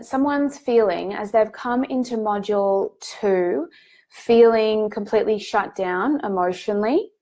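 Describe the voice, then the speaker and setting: A woman hosts a live group coaching call, gentle and reassuring, though she often says "um" and restarts her sentences. She has a head cold that makes her medium-pitched voice a bit nasal.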